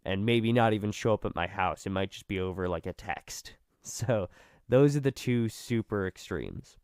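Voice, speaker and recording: A man with vocal fry, just over being sick, giving a casual, rambling explanation and often correcting himself. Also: on the low side, normal speed, no echo, studio quality. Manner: rambling, self-correcting, self-deprecating. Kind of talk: casual, informal explanation at a drawn diagram.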